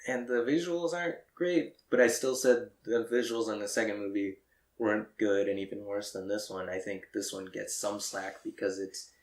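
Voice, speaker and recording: Podcast co-host, male, lowish voice, wry and critical, echoey room. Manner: wry, critical, quick asides with chuckles. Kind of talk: casual movie discussion.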